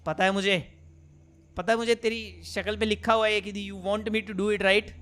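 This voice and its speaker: A man commentating on a game in rapid, teasing, joking chatter, laughing often. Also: high-pitched, fairly even intonation, fairly bright tone, smooth. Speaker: gameplay commentator.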